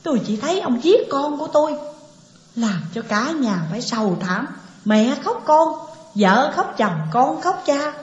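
A woman's voice: high-pitched, expressive, unhurried, pitched above the performer's own voice. A woman voicing a grieving, angry mother who accuses her husband in a raised, bitter voice, in an echoey, dull lo-fi recording.

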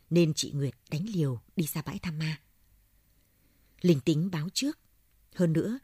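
A woman reads a novel aloud in steady audiobook narration. Her voice is low, dark and husky. The recording is close and dry. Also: no echo. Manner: steady storytelling.

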